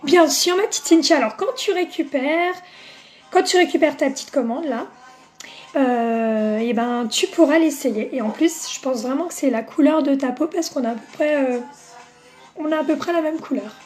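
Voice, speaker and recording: A woman's voice: high voice, moderate pace, darkish tone, soft background music. Chatty woman doing a live makeup demo, greets viewers by name, lots of euh and bah. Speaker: makeup seller hosting a live stream. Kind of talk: casual live-stream demo chat.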